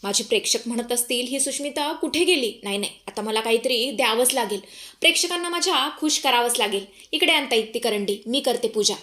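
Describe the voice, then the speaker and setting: A woman's voice: on the high side, expressive, fairly quick, sharp tone. A woman voicing a showy, self-absorbed young bride who vlogs, chirpy and pushy. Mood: eager.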